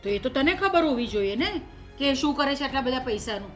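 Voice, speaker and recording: A stern middle-aged mother-in-law in a short-film family drama presses on relentlessly, accusing and listing sums and grievances. Her voice is a little high and firm, with lively intonation and a slightly fast pace. A soft score runs beneath the scene.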